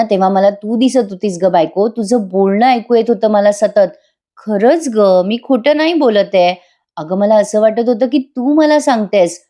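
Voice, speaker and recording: A woman's voice: medium pitch, warm tone, natural voice. A woman voicing a teasing injured young husband.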